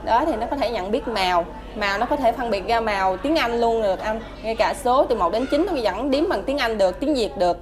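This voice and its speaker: Woman, Southern Vietnamese accent, slightly high voice, hesitant, polite, filler-heavy speech. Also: animated, a little fast, few pauses, crowd noise. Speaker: mother of the child, interviewee. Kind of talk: casual interview answers.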